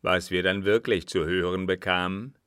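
A man reading a storybook voices a brusque, scheming former French captain who curses and speaks low and forcefully. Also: fairly even intonation, moderate pace, no room sound, studio quality. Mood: gruff. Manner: gruff, brusque, cursing.

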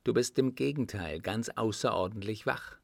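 A man's voice: fairly low pitch, moderate pace, creaky, no echo, studio quality. A man voicing a young officer with teasing, ironic humour in an audiobook. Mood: calm teasing. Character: young male officer, dryly joking adventurer. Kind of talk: audiobook dialogue reading.

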